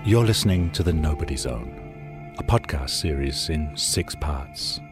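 A man hosts and narrates a scripted true-crime documentary podcast, telling the story conversationally in short, suspenseful phrases aimed straight at the listener. His rumbling low voice is animated but a little slow, heard over music.

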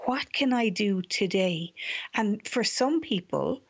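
A woman's voice: mid-range voice, expressive, slow pace, highs cut off. A woman with an Irish accent explaining as an expert guest, building her advice from lists and questions. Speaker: psychologist guest.

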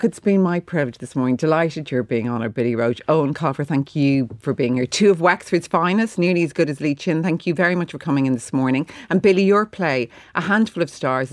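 A man's voice: a little high, brisk, hardly any pauses, no echo, studio quality. A man with an Irish accent presenting and interviewing in a conversational radio style. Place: radio studio.

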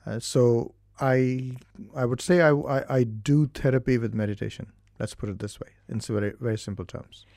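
Indian-accented man with a gravelly voice. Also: medium pitch, a little mellow, dry recording, clean studio sound. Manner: measured, explanatory, with hesitations. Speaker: doctor and therapist. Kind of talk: studio interview.

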